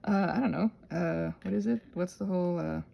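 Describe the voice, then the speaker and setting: On a crafting channel, a woman with a creaky voice on the low side talks fairly quickly, hosting a rambling craft video. Her chat is casual and quirky, wandering playfully from aside to aside for an ASMR audience. The recording sounds muffled.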